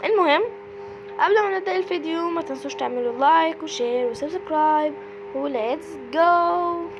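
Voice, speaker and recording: A woman with an Egyptian accent giving casual, excitable commentary as she plays a game, often shrieking and exclaiming. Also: extremely high pitch, brisk, music in the background, rough recording. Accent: Egyptian Arabic. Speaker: gaming video creator.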